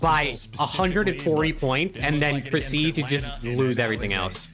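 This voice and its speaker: A man's voice: a little high, moderate pace. A young man hosting a live watch party, reacting bluntly and cursing freely as he chats about the match. Music plays behind him. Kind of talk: casual live commentary.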